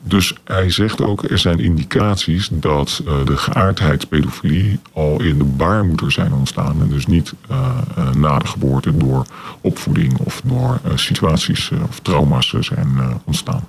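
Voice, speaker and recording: Deep pitch-shifted, disguised man's voice. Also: animated, vocal fry, slight background noise. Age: 40s. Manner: hesitant, many filler sounds, slow and deliberate. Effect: voice disguised with a deep pitch-shift distortion. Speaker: anonymous interviewee. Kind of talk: radio interview.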